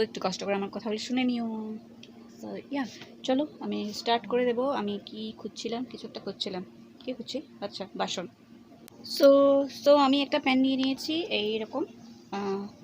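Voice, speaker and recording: A young woman casually narrating a home cooking vlog in a dim kitchen, talking quietly because others are nearby, with no external mic. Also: a little high, moderate pace. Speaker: cooking vlogger. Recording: noisy home recording without a mic.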